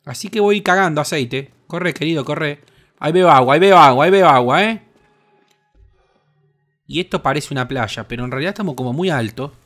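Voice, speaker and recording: A young man with a Rioplatense Spanish accent, commenting on his gameplay in an excitable, crude way with lots of swearing. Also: on the high side, a little fast. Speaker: gaming host.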